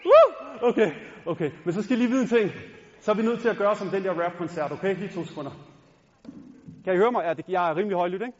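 A man's voice: high-pitched, darkish tone. A man from Denmark telling a funny story on stage to a live audience, playful and talking straight to the crowd. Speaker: stand-up storyteller and rapper. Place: large concert hall. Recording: echoey hall, dull sound.

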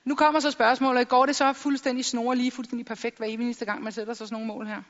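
A middle-aged woman giving a lively stage talk full of jokes and acted-out quotes. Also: on the high side, big-room sound, muffled recording. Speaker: public speaker.

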